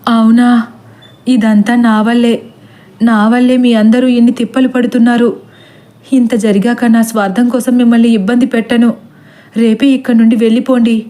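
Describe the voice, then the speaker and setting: A woman voicing a frightened young woman who pleads in a frantic, hurried way in a storybook tale. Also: a little high, little pitch movement, mellow, natural voice. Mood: despairing.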